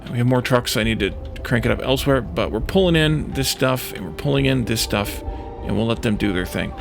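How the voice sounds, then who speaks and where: A let's play host gives casual video game commentary, musing to himself and thinking aloud in short fragments. His medium-pitched voice is creaky and expressive, and he talks fairly quickly. Game music plays in the background.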